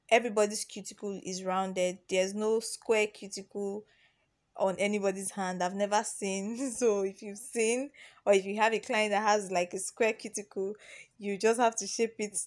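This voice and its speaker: Chatty woman narrating a nail tutorial. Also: medium pitch. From Nigeria. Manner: chatty, repeats herself, many ums and restarts. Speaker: nail tech teaching beginners. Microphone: voice-over recording.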